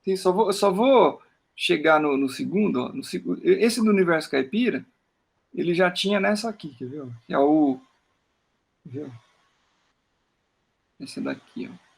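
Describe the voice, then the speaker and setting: A man's voice: a little high, lively intonation, a little slow, vocal fry, long pauses, breathy edge. A Brazilian man, a poet, talking casually in an interview and rambling, with frequent "né?" tags and stammered repeats. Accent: Brazilian Portuguese. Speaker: poet talking about his book. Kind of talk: casual interview chat while showing his work on screen.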